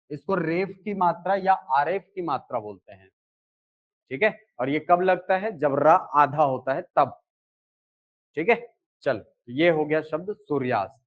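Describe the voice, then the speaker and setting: A man's voice: fairly high pitch, lo-fi sound. A male teacher giving a live classroom lesson, explaining step by step and asking questions, then answering them himself. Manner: explains slowly, asks and answers his own questions.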